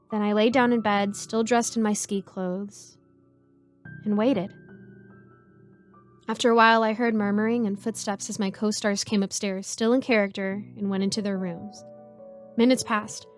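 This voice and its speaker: A woman narrating a first-person horror story in a measured, suspenseful way. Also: mid-range voice, steady tone, faint music behind.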